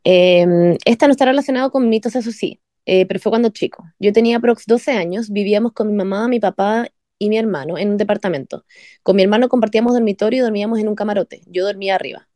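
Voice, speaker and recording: A woman's voice: mid-range voice, warm tone, dry recording, clean studio sound. A young woman reading a story aloud to friends in a casual chat. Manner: quick reader, casual asides.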